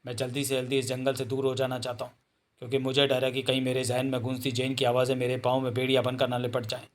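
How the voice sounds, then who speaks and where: A man's voice: medium pitch, completely flat delivery, fast, close to an everyday voice. A man voicing a hot-tempered, brusque young hero. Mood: anxious. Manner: curt, harsh commands, quiet.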